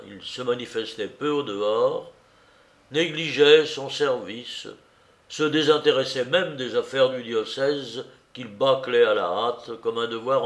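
A man reading a literary novel aloud in a measured, expressive way. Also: mid-range voice. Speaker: audiobook narrator.

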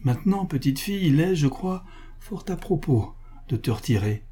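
Man doing a calm wry marquise, lifted voice, husky and dark. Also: a little high, normal speed, voice pushed up. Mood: tender. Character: poised worldly noblewoman, the marquise.

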